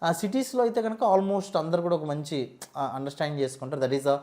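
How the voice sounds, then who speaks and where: A man, a mimicry artist, talking relaxed and explanatory as an interview guest. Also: on the high side, brisk. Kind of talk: casual interview chat.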